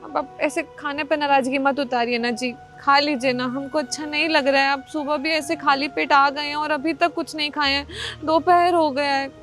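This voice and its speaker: A woman's voice: sits high, steady tone, moderate pace, a bit bright, soft background music. A woman playing an anxious, devoted young wife who keeps coaxing her husband to eat. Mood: pleading. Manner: pleading, coaxing. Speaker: actor in a comedy skit.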